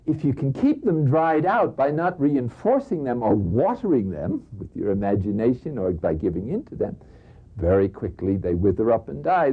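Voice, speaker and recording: A man, a priest, giving a reflective, conversational spiritual talk with stories and soft laughs. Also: medium pitch, husky. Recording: slightly dull lo-fi recording.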